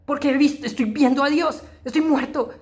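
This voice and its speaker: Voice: high voice, brisk, darkish tone, voice pushed up. A preacher voicing the prophet Isaiah crying out in terror before God. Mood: terrified. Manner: anguished crying out.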